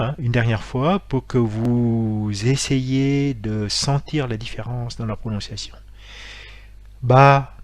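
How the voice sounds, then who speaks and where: A man's voice: mid-range voice, a little mellow, no room sound. A man giving a patient, step-by-step language lesson and saying example sounds aloud to show each tone. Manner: patient, explains step by step, demonstrates tones aloud. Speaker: language teacher for martial arts students. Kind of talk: explanatory lesson with spoken examples.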